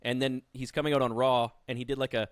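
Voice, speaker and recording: A man's voice: medium pitch, little pitch movement, quick pace, no room sound. Podcast co-host who pushes back, mid male voice, dry sound. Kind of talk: casual chat.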